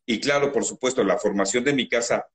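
A man with a Mexican accent, a guest in an interview, telling stories from his life in a loud, animated, emotional way. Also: mid-range voice, fairly quick. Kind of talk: emotional storytelling.

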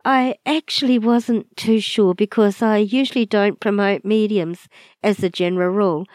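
A woman podcast host with a New Zealand accent reads her introduction at a middle pitch. Her voice is raspy and short of breath, as with a chest infection. The sound is dry, with very little room to it. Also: darkish tone, dry recording.

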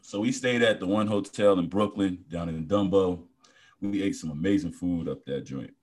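A man's voice: deep voice, normal speed. A man co-hosting a podcast, chatting casually and telling stories in slangy speech, laughing often. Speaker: podcast co-host. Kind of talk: casual chat.

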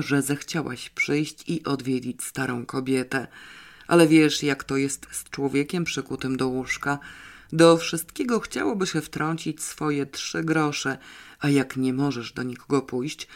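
A reader voicing a sharp, bossy old woman confined to her bed, blunt and commanding. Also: mid-range voice, measured pace, lightly acted. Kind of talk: audiobook character voice.

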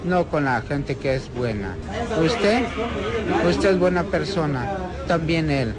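A man making slow, emphatic declarations outdoors in the street. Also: a little high, lively intonation, a loud crowd.

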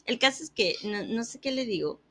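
Animated woman in her thirties. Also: fairly high pitch, a little fast. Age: 30s. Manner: animated, acts out quoted dialogue, laughs often. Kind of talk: casual storytelling chat.

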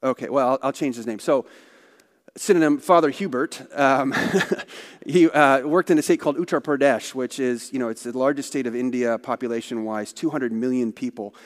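Speaking at medium pitch and a normal speed, a man representing a missionary organization tells stories during a conversational church talk, adding asides along the way. The recording carries a long hall reverb.

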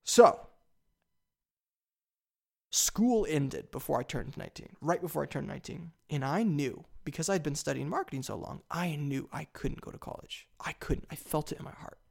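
A nineteen-year-old man hosting a solo podcast, rambling eagerly with sudden excited leaps in pitch. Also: moderate pace, creaky. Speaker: podcast host.

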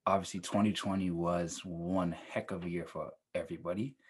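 Deep, husky young man chatting. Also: fairly even intonation, normal speed. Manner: laid-back, reflective, hypes his co-host. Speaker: podcast co-host. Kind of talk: casual chat.

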